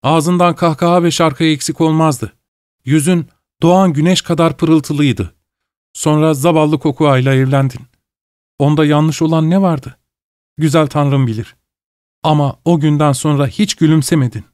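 A man's voice: a little high, steady tone, normal speed, darkish tone, no echo, voice pushed up, close to an everyday voice. A devoted young wife speaks with fierce, pleading resolve, as a man lifts his voice to play her in an audiobook. The tone is earnest and heartfelt. The recording is dry and close, with no room sound. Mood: sorrowful. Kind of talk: audiobook character voice.

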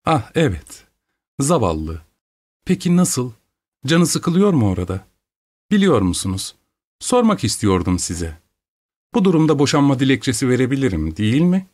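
A flighty, capricious young wife, as a male narrator puts her on in an audiobook, speaks in a raised, petulant voice full of exclamations. She sounds high-strung and quick to take offense. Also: sing-song, darkish tone. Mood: coquettish.

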